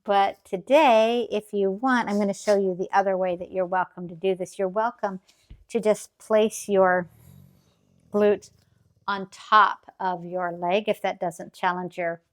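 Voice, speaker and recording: A woman teaching yoga as a calm guided grounding exercise, gently and encouragingly instructing. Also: medium pitch, a little slow.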